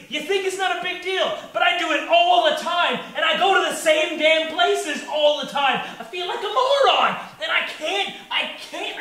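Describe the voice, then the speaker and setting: A young man in a comedic rant, loud, exasperated and mocking himself. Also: very high voice. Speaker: comedic ranter. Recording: very echoey room.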